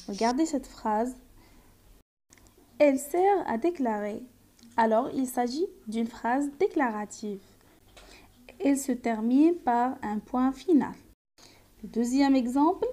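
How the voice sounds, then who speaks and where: A woman's voice: sits high, dark tone. A woman teacher giving a grammar lesson, explaining carefully and reading out example sentences.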